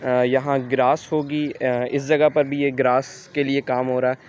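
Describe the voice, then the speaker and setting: A young student vlogger from Karachi, with an Urdu-speaking accent, gives a casual campus tour outdoors on a construction site, filming on a handheld phone camera. His mid-range voice is level, measured, and a little mellow, and he hesitates often, thinking aloud with frequent "uh" fillers. A little hiss or hum runs underneath.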